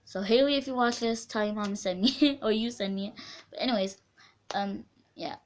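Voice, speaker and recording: A young woman vlogger from central California tells a storytime in a loose, rambling way. She breaks off mid-sentence and restarts. Her voice sits at an ordinary middle pitch, with a faint hiss of noise behind it. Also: fairly quick. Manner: rambling, self-interrupting, chatty. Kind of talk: casual storytime chat.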